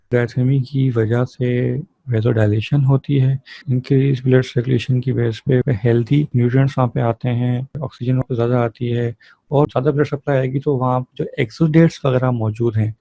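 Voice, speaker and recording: On a dry, muffled recording, a man with a creaky, dark-toned, mid-range voice lectures on physiotherapy. Teaching didactically, he poses questions and answers them himself, draws on everyday examples, and moves between Hindi-Urdu and English terms.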